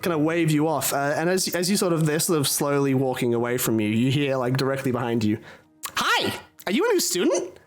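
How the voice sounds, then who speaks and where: A man's voice: medium pitch, fairly even intonation, fast, few pauses, soft background music. A man narrating as dungeon master in a loose, filler-heavy way. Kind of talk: narrating a tabletop game.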